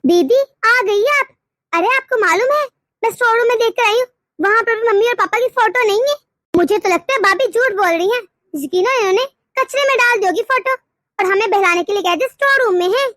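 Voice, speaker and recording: A woman's voice: very high-pitched, a little fast, fairly bright tone, dry recording, clean studio sound. A woman voicing a grumbling, accusing sister-in-law in a cartoon story. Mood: resentful.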